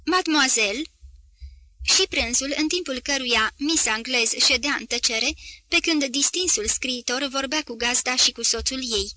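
A woman narrating a literary novel as an audiobook, with a measured, even delivery. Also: high-pitched, dry recording.

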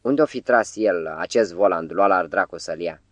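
Audiobook role: man voicing an irritable, nervous finance director, low pitch, dry sound. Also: no echo, close to an everyday voice. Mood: exasperated. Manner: jumpy, exasperated.

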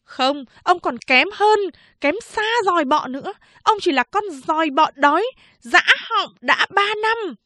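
A woman's voice: extremely high pitch, lively intonation, unhurried, sharp tone, no echo, voice pushed up, exaggerated voice. A woman voicing a scornful young woman who mocks with cutting insults, in an audiobook. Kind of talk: audiobook character voice.

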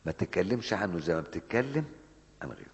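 Gravelly Egyptian preacher in a mosque hall. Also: male voice, low-pitched, fast. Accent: Egyptian Arabic. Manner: animated, rhetorical questions answered himself, scolding. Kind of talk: Ramadan mosque lesson.

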